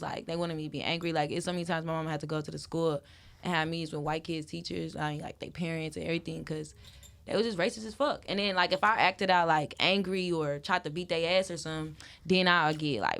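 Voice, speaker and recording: Young woman, loose casual interview chat. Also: fairly low pitch. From Wisconsin. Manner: loose and animated, heavy use of "like", laughs often. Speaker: interview guest, rapper.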